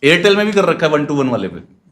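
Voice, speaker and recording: A man guest in a casual talk, explaining things in a relaxed, easygoing way. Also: fairly high pitch, fast. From India. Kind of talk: casual chat.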